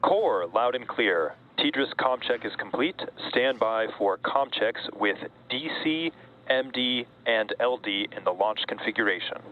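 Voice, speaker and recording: A man's voice: medium pitch, lively intonation, a little slow. A man making formal, clipped procedural calls as a mission control communicator over a pilot-style radio headset. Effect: radio headset comms. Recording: phone-like radio channel with faint noise.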